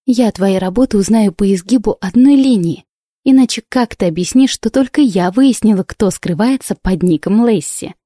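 Audiobook: woman voicing a bold girl artist, bright and teasing, higher than her own warm voice, dry sound. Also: normal speed, dry recording, natural voice. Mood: excited. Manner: excited, exclaiming, teasing. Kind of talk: audiobook reading.

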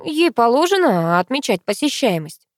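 A woman reading an audiobook, voicing a young female student who is a hesitant, soft-hearted friend. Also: a little high, big pitch swings, moderate pace, no room sound, studio quality, pitched above the performer's own voice. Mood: reasonable. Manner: sighing, hesitant, placating.

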